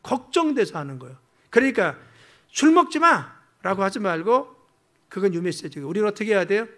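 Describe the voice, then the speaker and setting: A male pastor preaching to his church in a high, light voice. He teaches step by step and has the congregation repeat key phrases. Now and then he acts out short family arguments in quoted lines. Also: lively intonation, fast. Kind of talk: sermon. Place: church sanctuary.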